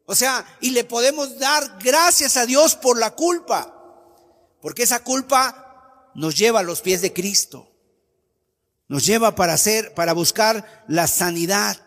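High-voiced man preaching in a hall. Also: a little slow, fairly bright tone. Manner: sing-song, emphatic preaching cadence. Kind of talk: sermon. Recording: long hall reverb.

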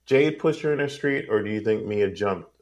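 Rambling low-voiced man. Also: animated, moderate pace. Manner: rambling, goes off on tangents. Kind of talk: casual film discussion.

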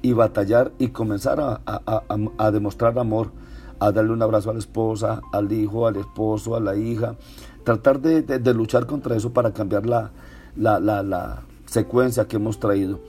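A man's voice: on the low side, fairly even intonation, moderate pace. A man preaching a sermon in an earnest manner, repeating words for emphasis. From Colombia. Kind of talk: radio-style sermon. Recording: soft guitar music behind. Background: faint guitar music.

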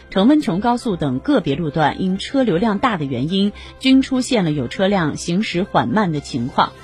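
A woman's voice: on the low side, darkish tone. A woman radio presenter reading scripted news bulletins in a formal manner.

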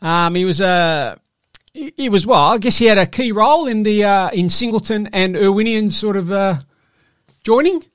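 A man's voice: high-pitched, moderate pace, fairly bright tone, clear, resonant tone, dry recording, studio quality. An Australian man hosting a podcast in a casual, matey and teasing way, chatting about sport. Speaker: podcast host.

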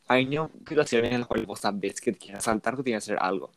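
A man's voice: lowish voice, fast, dry recording. A young man co-hosting a casual podcast chat, rambling with lots of fillers and restarts. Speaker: podcast co-host.

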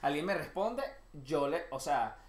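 A man's voice: a little high, a little slow, creaky. A man, a comedian, telling self-mocking stories in a casual chat. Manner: storytelling, self-mocking and expressive. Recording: echoey room with faint background hum.

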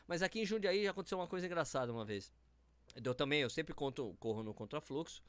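A man from São Paulo, Brazil, with a São Paulo accent, telling stories in a casual, animated chat and acting out the people in them. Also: a little high, fast, clear, resonant tone, no room sound. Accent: São Paulo Portuguese.

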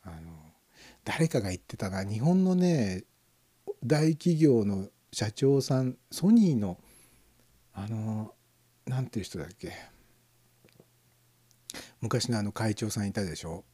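A man hosts a live internet radio stream in a casual, rambling chat, full of fillers and soft chuckles. His voice is dark and mellow, and his pitch rises and falls in a lively way as he muses over each listener's comment. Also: measured pace, long pauses, husky.

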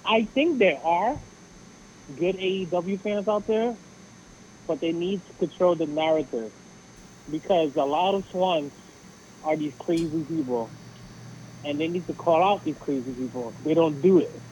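A man's voice: fairly high pitch, unhurried, pauses often, a little mellow, a little hiss or hum, rough recording. A man giving his opinions in a casual podcast chat, often repeating words as he works toward his point.

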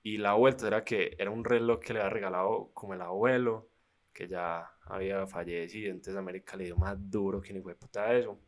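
A man's voice: fairly low pitch, fairly quick. Young man telling slangy stories. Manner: slangy, animated, acts out voices in anecdotes. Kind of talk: casual storytelling chat.

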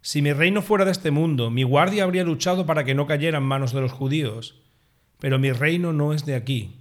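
A man voicing a calm, solemn male teacher in a liturgical reading, speaking slowly and steadily. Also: a little high, natural voice.

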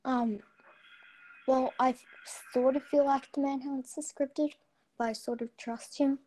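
A hesitant young woman, a gaming YouTuber appearing as an interview guest, chats casually over a cheap built-in mic, so the audio is poor with slight background noise. Her voice sits high with a darkish tone, steady and a little slow, full of ums and trailing sentences.

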